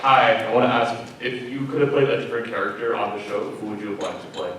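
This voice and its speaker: A man in the audience asking a panel question, hesitant and halting. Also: on the low side, steady tone, over a noisy crowd, very noisy. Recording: echoey hall, far from mic.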